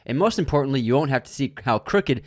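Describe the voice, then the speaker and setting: A man's voice: mid-range voice, lively intonation, fast, no echo, studio quality. A young man co-hosting a podcast, reading fan jokes and laughing between lines. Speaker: podcast co-host. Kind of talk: casual chat, reading fan jokes aloud.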